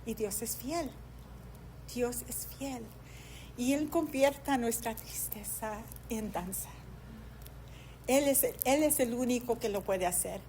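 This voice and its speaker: A middle-aged woman pastor preaches from the pulpit, her voice sitting high. She tells a personal story heartfelt animation and hesitant fillers. A faint hiss of background noise runs under her words. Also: slow pace, long pauses, warm tone. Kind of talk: sermon. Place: church sanctuary.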